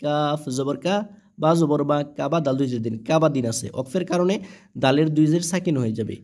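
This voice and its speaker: A man teaching Quran reading in a slow, patient lesson, spelling each word letter by letter and repeating it. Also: fairly high pitch, a little mellow. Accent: Bangladeshi Bengali.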